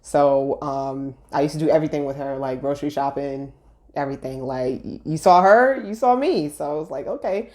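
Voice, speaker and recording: Brisk and low-pitched with a darkish tone, this voice belongs to a young Brooklyn woman. As an interview guest she tells her story in a loose, chatty manner and laughs a lot.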